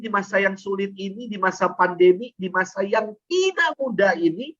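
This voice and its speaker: Heartfelt priest preaching over dull webinar audio. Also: male voice, sits high, a bit bright. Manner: emotional storytelling, repeats phrases for emphasis. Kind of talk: sermon.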